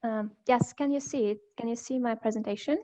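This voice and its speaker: Female presenter from Ukraine on a video call, friendly and light, fairly high voice. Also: steady tone, fairly quick, warm tone. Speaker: conference presenter.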